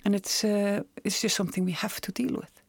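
A woman's voice: medium pitch, steady tone, a little fast, creaky, slightly rough, dry recording. A woman, an author and journalist, speaking thoughtfully in an interview and often repeating words as she searches for them. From Iceland. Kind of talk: conversational interview.

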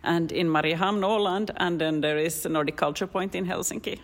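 A woman's voice: lowish voice, steady tone, brisk. A woman from Finland, a culture centre director, explaining the place on a guided-tour interview, thoughtful and hesitant.

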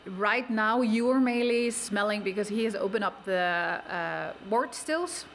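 A woman's voice: medium pitch, measured pace, a bit bright, a little hiss or hum, poor audio. Chatty woman explaining at a distillery. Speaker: distillery worker. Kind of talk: radio interview answers. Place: working distillery.

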